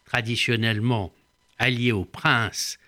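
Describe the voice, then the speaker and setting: A man's voice: medium pitch, steady tone, measured pace, sharp tone. An older man, a former diplomat, explaining at length in a radio interview, hesitating often with "euh".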